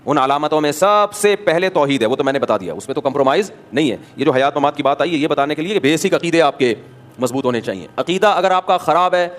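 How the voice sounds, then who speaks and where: A man from Pakistan, a mufti, giving a conversational sermon full of anecdotes, acting out dialogues and asking rhetorical questions. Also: fairly high pitch. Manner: animated storyteller, acts out dialogues, rhetorical questions. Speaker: mufti, religious scholar.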